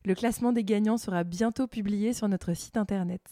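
A woman presenter reading a scripted closing announcement to listeners in a clear, even way. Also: medium pitch, brisk, no echo, studio quality.

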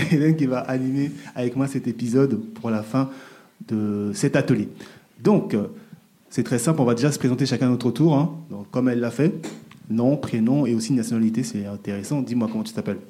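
A man hosting a podcast, speaking in a soft, relaxed and encouraging way. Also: medium pitch, moderate pace. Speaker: podcast host. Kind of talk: casual podcast interview.

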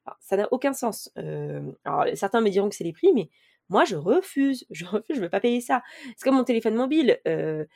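A woman's voice: mid-range voice, big pitch swings, brisk, creaky, a little mellow. A woman hosting a casual personal-finance podcast, talking informally to her listeners with many hesitations and the odd swear word. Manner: addresses listeners directly. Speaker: podcast host.

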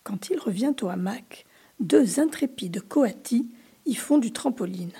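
A woman giving a whispered storybook reading, soft, hushed and expressive. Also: fairly high pitch, measured pace, creaky, husky.

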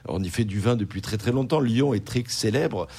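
A man's voice: mid-range voice, fairly quick, warm tone, breathy edge. A man who is a sommelier and restaurant owner, explaining wines on a radio show with frequent hesitations and repeated words. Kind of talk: wine talk on radio.

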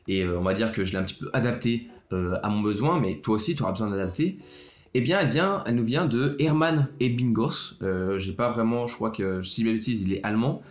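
A young man hosting a casual student podcast, talking straight to the listener in a chatty way, often restarting his sentences. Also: lowish voice. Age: young adult. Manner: chatty, speaks directly to the listener, hesitant restarts. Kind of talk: casual solo podcast talk. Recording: roomy echo with faint music.

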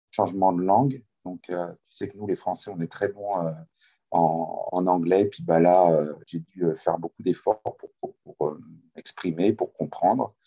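French man, slight Quebec tinge, deep, husky, muffled call audio. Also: warm tone. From France. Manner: hesitant, many fillers and restarts. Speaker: kayak coach, guest. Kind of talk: remote interview, casual conversation.

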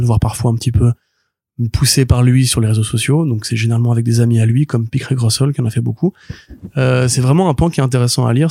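Fast-talking man with a mellow voice. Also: mid-range voice, gravelly, no room sound, studio quality. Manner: rambling, many restarts and fillers, enthusiastic. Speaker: podcast co-host. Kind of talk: casual chat reviewing comics.

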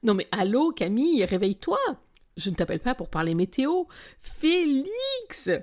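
A woman voicing an excitable, teasing young best friend who exclaims and gossips. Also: medium pitch, fairly quick. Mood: excited. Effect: heard over a speakerphone in the story.

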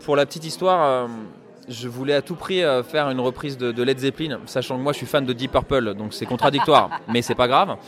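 A man, a bandleader and accordionist, talks through an interview at an easy, unhurried pace. His speech is chatty and hesitant, full of small pauses as he searches for the next thought. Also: medium pitch, a bit bright. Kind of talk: casual interview answers.

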